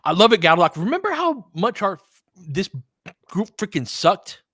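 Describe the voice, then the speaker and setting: This watch-along host calls a basketball game live and banters with his audience, using slang and the occasional curse. His voice sits high and sounds very animated and fairly bright, at normal speed, in a dry, studio-quality recording.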